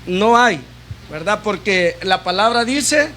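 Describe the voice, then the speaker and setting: A man's voice: high voice, lively intonation, slow pace, pushed and bright. A man preaching a sermon as a deacon in a church, addressing his brothers and sisters with frequent rhetorical questions. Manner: retells a conversation, acting out both sides.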